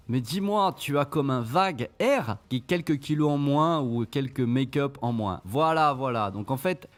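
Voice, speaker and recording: A man hosting his channel, giving mocking, sarcastic screen-share commentary, swearing casually as he talks viewers through the material. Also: mid-range voice. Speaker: channel host reviewing an investment scheme.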